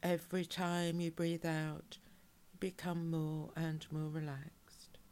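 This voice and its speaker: A woman guiding a relaxation hypnosis in a calm, measured, soothing way, with soft, breathy phrase endings. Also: low-pitched. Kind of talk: guided relaxation hypnosis, soothing scripted narration.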